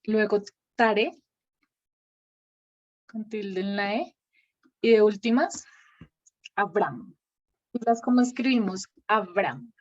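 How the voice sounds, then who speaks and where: Over a video call with screen sharing, a woman with a medium-pitched voice teaches a Bible class, speaking slowly with long pauses as she thinks aloud and writes names on the screen. Her computer microphone gives dull, low-fidelity sound.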